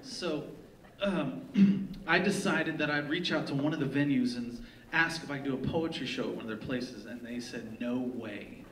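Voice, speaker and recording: A man from California, a poet, telling a comic story live on stage with wry, deadpan, profane humor. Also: medium pitch, normal speed, a little hiss or hum. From Long Beach, California. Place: theater stage before a live audience. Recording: echoey theater, distant mic, crowd laughter.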